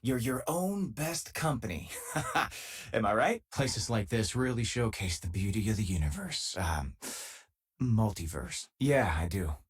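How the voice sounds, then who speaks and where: Playing a loyal, laid-back and wry space miner sidekick in a video game, a man delivers lines in a husky, conversational way. His lowish voice is expressive and measured in pace, earnest yet wry in mood.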